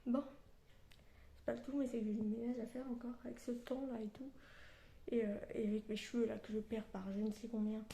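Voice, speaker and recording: Lisping woman with a dark, mellow voice. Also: fairly high pitch, vocal fry. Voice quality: lisp on s sounds from orthodontic elastics. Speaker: vlogger. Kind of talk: casual rambling vlog chat to viewers. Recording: roomy echo, faint background noise.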